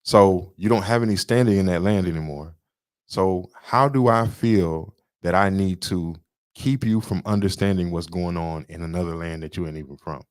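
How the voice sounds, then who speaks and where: Deep-voiced lecturing man, emphatic. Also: moderate pace, darkish tone, no room sound, clean studio sound. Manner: emphatic, lecturing, repeats points. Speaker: podcast co-host. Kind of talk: casual political talk.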